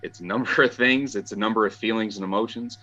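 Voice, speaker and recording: A man, talking eagerly and a bit haltingly as an interview guest, often repeating words as he starts a sentence. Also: fairly low pitch, steady tone, pushed and bright, highs cut off. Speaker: guest, fan site writer. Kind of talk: casual interview talk.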